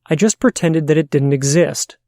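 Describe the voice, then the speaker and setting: A man hosting a paranormal podcast, reading listener letters aloud in a steady, measured way. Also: fairly high pitch, dry recording, clean studio sound.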